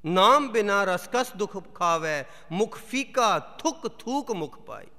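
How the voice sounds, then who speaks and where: A man giving a sermon, reciting scripture verses in a slow chant and explaining them between the verses. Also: high-pitched, animated, bright, forceful tone. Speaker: Sikh preacher. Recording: long hall reverb.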